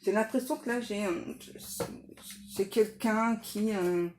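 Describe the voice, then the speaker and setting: Soft-spoken woman medium, hesitant. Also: medium pitch, takes it slowly, slight background noise. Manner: hesitant, many fillers, soft and reverent in prayers. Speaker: medium giving a tarot reading. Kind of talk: casual spiritual guidance monologue.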